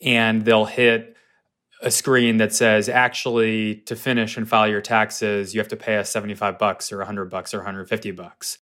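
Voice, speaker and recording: Lowish-voiced American man, halting explainer. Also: level tone, a bit bright. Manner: halting, stumbles and rephrases. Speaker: reporter being interviewed. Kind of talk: conversational explanation.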